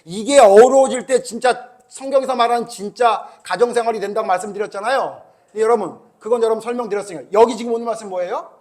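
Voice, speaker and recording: A man's voice: high voice, steady tone, fast talker, a little mellow. A male pastor preaching a sermon, often asking the congregation questions and acting out the people in the parables. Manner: keeps quizzing the congregation with questions.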